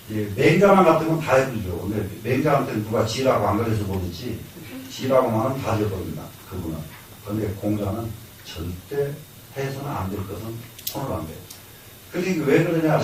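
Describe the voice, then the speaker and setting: An older monk with a Jeolla Korean accent lectures in a lively, rising and falling voice. His voice reaches the mic from across a large hall with heavy echo, and a faint room noise hangs behind it. He drives points home by repeating them and answering his own questions. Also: mid-range voice. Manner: explains by repeating lines, asks and answers himself, chuckles. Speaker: Buddhist monk lecturing on classics. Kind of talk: classroom lecture. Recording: echoey hall, mic from far off.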